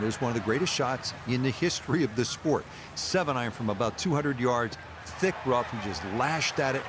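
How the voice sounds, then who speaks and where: A man giving measured, polished golf commentary as the lead announcer of a televised tournament in a video game. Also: mid-range voice, noisy background, close to an everyday voice. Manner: measured, polished broadcast delivery.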